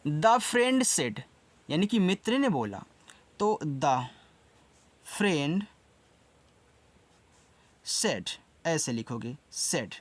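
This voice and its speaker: A man's voice: on the high side, sing-song. A man with a Hindi accent teaching an English lesson in a casual way, spelling each word out letter by letter and repeating it. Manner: slow, spells words letter by letter and repeats them.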